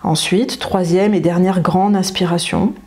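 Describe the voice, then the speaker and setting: Calm French-speaking woman, mellow tone. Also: fairly low pitch. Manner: slow soothing repetitions, occasional fillers like "hein" and "euh". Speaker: psychologist. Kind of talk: guided breathing and relaxation instruction.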